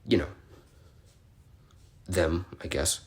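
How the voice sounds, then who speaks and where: Slow and low-pitched, a man voices an awkward, curious, bookish researcher logging species notes on an audio recorder. The semi-improvised, in-character explanation comes out hesitant, rambling and politely apologetic, and the mood is hesitant and explanatory.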